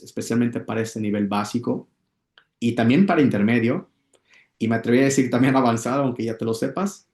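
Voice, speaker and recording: A man teaching English in a casual video lesson, often checking in with his viewers and repeating words slowly so they can practice. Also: medium pitch, darkish tone, echoey room. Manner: addresses viewers as "muchachos", checks in with "ok?".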